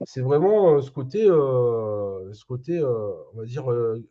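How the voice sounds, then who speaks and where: A guitarist talking casually in a band interview, animated and full of restarts. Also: male voice, mid-range voice, measured pace, lo-fi sound.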